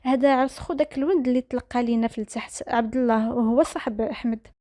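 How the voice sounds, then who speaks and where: A stern older aunt, as a woman narrator puts her on speaks curtly and dismissively in a Moroccan accent. Her voice is dark and mellow, recorded dry and close. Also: on the high side, fast talker, dry recording, natural voice. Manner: curt, dismissive.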